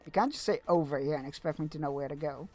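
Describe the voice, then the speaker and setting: A man's voice: fairly high pitch, fast, darkish tone, soft background music. A man streaming a fantasy game, chatting sarcastically, swearing, laughing and reading quest text aloud. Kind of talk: casual live-stream commentary.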